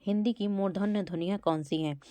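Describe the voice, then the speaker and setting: A woman's voice: medium pitch, fairly quick, mellow, no echo. Woman teacher sounding out letters. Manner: walks through quiz questions, sounding out letters. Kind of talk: exam-prep lesson.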